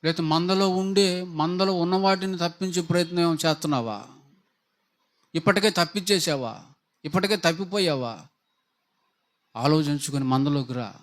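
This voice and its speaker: A man's voice: a little high, moderate pace, long pauses. A man preaching a sermon, pressing his listeners with rhetorical questions and fervent appeals. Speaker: pastor. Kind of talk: Telugu sermon.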